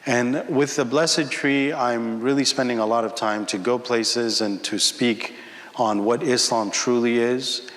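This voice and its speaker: A man's voice: mid-range voice, fairly even intonation, unhurried, fairly bright tone. A young man from Afghanistan speaking as a panel guest, earnest and reflective, with filler ums. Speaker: panel guest, former prayer leader. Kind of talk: personal testimony on a panel. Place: conference hall. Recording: long hall reverb.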